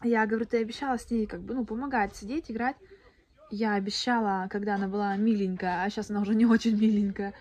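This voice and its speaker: A young vlogger and mother talks fast into her phone at arm's length from a room at home, rambling casually with fillers and restarts. Her mid-range voice is steady and darkish in tone.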